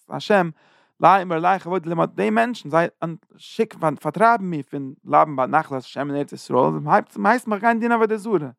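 A man giving an informal Bible lesson, retelling the story in loose, halting phrases. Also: on the high side, vocal fry, no echo, clean studio sound. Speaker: Bible teacher.

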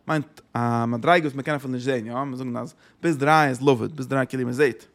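A man's voice: medium pitch, fairly even intonation, fairly quick. A man giving a religious lesson who asks rhetorical questions and repeats his phrases. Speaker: Torah teacher.

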